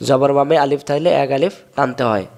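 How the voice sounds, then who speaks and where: A man from Bangladesh, teaching Quran reading step by step and drawing out sounds slowly to show them. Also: mid-range voice, a little mellow. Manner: explains step by step, drawls sounds slowly to demonstrate. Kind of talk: recitation lesson.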